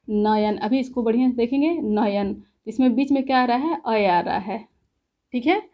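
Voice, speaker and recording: A woman teaching a lesson, explaining step by step, asking herself questions and pausing often to check in. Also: on the high side, darkish tone. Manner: says "ठीक है" after points. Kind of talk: classroom lecture.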